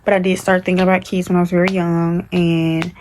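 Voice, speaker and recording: A woman in her early twenties with talks candidly in a rambling vlog chat, full of fillers and restarts. Her voice sits low and stays fairly flat in pitch throughout. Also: fairly quick, a little hiss or hum. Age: 20s. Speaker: vlogger. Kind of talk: casual chat to camera.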